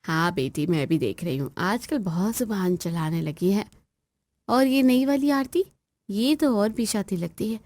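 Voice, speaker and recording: A woman's voice: medium pitch, lively intonation, unhurried, a little mellow, dry recording, lightly acted. A woman voicing a sour, scheming older mother-in-law who grumbles and scolds her daughters-in-law. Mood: grumbling.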